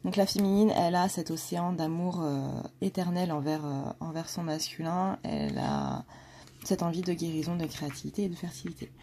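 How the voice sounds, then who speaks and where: A woman's voice: lowish voice, brisk, dark tone. A woman with a blunt manner, talking casually with many fillers and restarts as she gives a tarot reading for her channel. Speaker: tarot reader.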